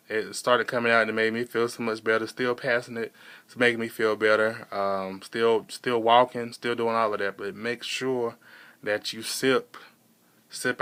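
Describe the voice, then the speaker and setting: A young American man talking casually to viewers in a personal vlog, halting and rambling, repeating himself for emphasis. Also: medium pitch, pushed and bright, smooth. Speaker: vlogger.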